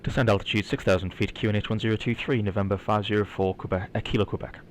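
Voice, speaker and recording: Deep-voiced man as pilot on cockpit headset. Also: steady tone, fast talker, slight background noise. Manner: reads clearances back with hesitant fillers. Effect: pilot speaking into a cockpit headset. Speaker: pilot flying a simulated charter flight. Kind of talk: cockpit talk and radio readbacks while flying.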